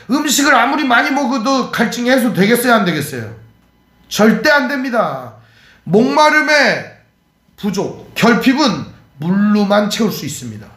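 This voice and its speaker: High, lively middle-aged male preacher. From Cheonan, Chungcheong, South Korea. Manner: emphatic preaching with rhetorical questions to the congregation. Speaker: pastor. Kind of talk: sermon. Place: church sanctuary. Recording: echoey church sanctuary.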